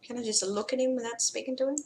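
A woman's voice: on the high side, fairly even intonation, racing, darkish tone. A young woman giving casual let's play commentary as she hosts a gaming video. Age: young adult. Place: indoor home room. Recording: clear background noise with game sound.

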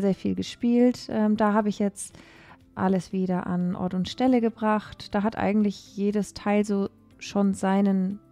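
A young woman narrates in a relaxed, chatty way, filling her pauses with little hesitations. Her voice is mellow and dark-toned. Soft music plays faintly underneath. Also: mid-range voice. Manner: chatty, with many fillers and pauses. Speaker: cleaning vlogger. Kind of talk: casual voice-over narration.

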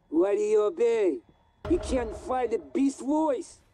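An actor playing an unhinged, paranoid man who taunts from hiding in a video game, with a creaky voice and erratic muttering. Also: high voice, wildly swooping pitch, takes it slowly, dark tone, a little hiss or hum, exaggerated voice. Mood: scornful.

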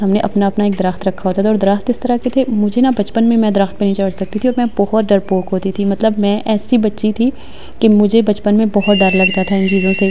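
Woman from Pakistan, casual vlog, phone at arm's length, outdoors, even tone, dull lo-fi audio. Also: mid-range voice. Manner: chatty, reminiscing, many fillers. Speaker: vlogger. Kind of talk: casual walking vlog narration. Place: outdoors in a mountain village. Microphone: phone held at arm's length.

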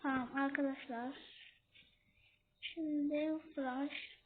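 High voice, slow chatty horror game commentary, sounds like its through a phone. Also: steady tone. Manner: talks to viewers and scolds the game character. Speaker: gamer playing a horror game. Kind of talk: casual gameplay commentary. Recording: tinny phone-like audio with faint noise.

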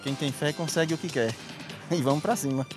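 A man's voice: fairly high pitch, a little fast, music in the background. A man with a Brazilian accent chatting casually as an interviewed prize winner. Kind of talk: casual chat.

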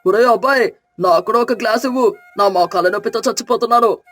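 A woman voicing a gruff old village grandfather in a storybook tale, speaking in a familiar, complaining way. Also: fairly high pitch, fast talker, faint music behind, lightly acted.

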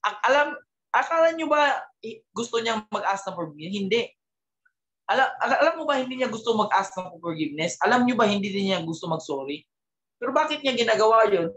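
A man speaking at a business team gathering, giving an animated motivational talk, mixing English words in and often asking the audience rhetorical questions. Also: sits high.

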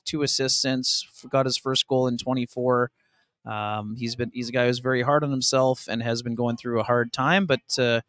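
Smooth-voiced middle-aged hockey reporter. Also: male voice, medium pitch, fairly bright tone, no echo, studio quality. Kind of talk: casual sports chat.

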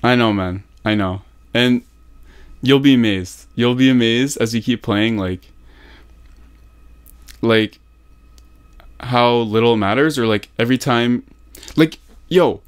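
A young adult gaming coach talks slowly with long pauses, his mid-range voice clear and resonant. Casual and slangy, he encourages the player and repeats things for emphasis, using a desktop condenser mic in a small room at home.

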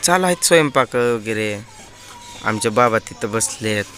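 A man's voice: fairly low pitch, expressive, a little slow, sharp tone. A man, chatting casually to viewers in a daily village vlog, filming on his phone. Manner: chatty, addresses viewers directly. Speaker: vlogger.

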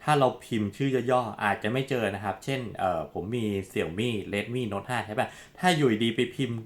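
A man's voice: lowish voice, normal speed. A man from Thailand hosting a casual step-by-step phone tutorial, chatty and polite. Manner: chatty, polite, many ครับ and ฮะ particles. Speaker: tech tutorial host.

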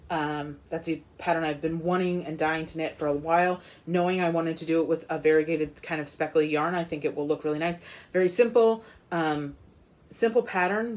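A woman with a low, darkish voice hosts a knitting podcast. She has the hiccups as she chats casually about her yarn purchases in a show-and-tell style, with lots of ums and restarts.

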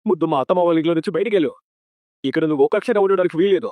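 A man's voice: a little high, very fast, no echo, lightly acted. An actor playing a hot-tempered, domineering elder brother who scolds and threatens his sister in a TV serial. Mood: furious. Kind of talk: TV serial acting. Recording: dull lo-fi dry sound.

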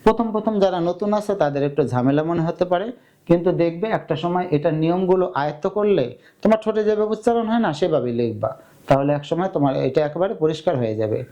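A young male teacher gives a step-by-step grammar lesson for exam preparation. His voice sits high for a man yet sounds warm and mellow. He keeps asking his students questions and answering them himself.

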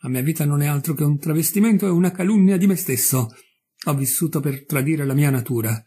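A man's voice: fairly high pitch, brisk, mellow, husky. A man voicing an anguished hunted murderer. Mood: impassioned. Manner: impassioned, anguished. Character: desperate hunted male murderer pleading.

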